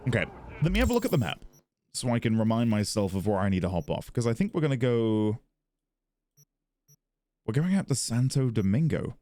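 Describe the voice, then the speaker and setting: A man's voice: medium pitch, big pitch swings, brisk, pauses often, dark tone. A man giving casual, musing gameplay commentary as a let's play host, chatty and prone to mild swearing. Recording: game music behind the voice.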